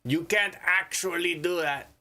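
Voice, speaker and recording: A man's voice: high voice, unhurried, pushed and bright. A man playing a tabletop game, arguing his point insistently. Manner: argumentative, insistent. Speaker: player. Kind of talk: casual tabletop play.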